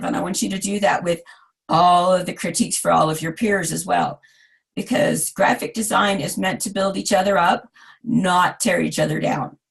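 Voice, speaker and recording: A hoarse woman in her forties giving a recorded design lecture, chatty and self-deprecating with asides to her students. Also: mid-range voice. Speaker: design instructor.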